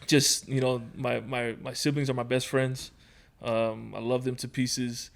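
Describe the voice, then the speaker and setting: A man from Hawaii, likely in his thirties, guests on a podcast with an easygoing, storytelling ramble full of fillers. His mid-range voice is a little slow and has vocal fry, in casual conversation.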